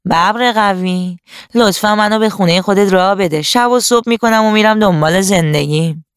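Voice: mid-range voice, clean tone, dry recording, studio quality, close to an everyday voice. A storyteller voicing a lazy, whining male jackal who fawns and begs in a children's radio story. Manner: whining, fawning, drawn-out pleading.

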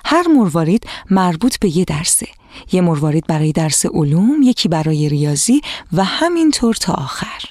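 In a children's storybook reading, a storyteller voices a kind, patient old woman who used to be a teacher, speaking gently with a slightly whispery softness. The medium-pitched delivery is very animated and gentle in mood, in clean studio sound with no echo.

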